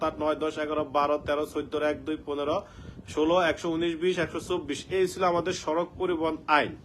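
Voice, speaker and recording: A man's voice: high voice, a bit bright, slight background noise. A man with a Bangladeshi Bengali accent teaching an online law class from home, rattling off section numbers and checking in with his students.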